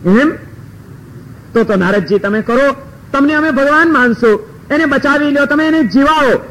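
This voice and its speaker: A man's voice: extremely high pitch, normal speed, a bit bright, pitched above the performer's own voice, poor audio. A man playing a grieving old mother, pleading. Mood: begging. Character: grieving elderly mother, desperate.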